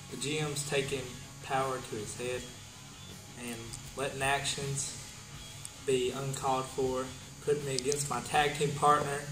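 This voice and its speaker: A man talking as a cocky wrestler in a promo interview, scornful and trash-talking his opponents. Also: medium pitch. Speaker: pro wrestler, villainous champion. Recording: echoey room with music behind.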